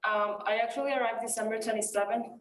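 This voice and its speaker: A woman's voice: a little high, steady tone, fast talker. A woman from the Dominican Republic, a first-year student, speaking shyly. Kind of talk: casual chat. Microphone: video call. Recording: distant, echoey, faint noise.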